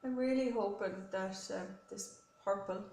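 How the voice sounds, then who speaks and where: Her pitch is medium, her tone dark, her speed normal. Despite a head cold, the woman hosts her knitting podcast in a chatty, friendly show-and-tell that wanders, stumbling over ums and fixing her own words; the recording carries a roomy echo and faint noise.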